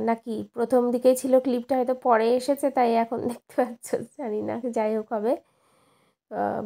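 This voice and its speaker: A woman's voice: a little high, vocal fry, darkish tone. A young woman narrating her daily vlog in a chatty, rambling way, often correcting herself mid-sentence. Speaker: vlogger and schoolteacher.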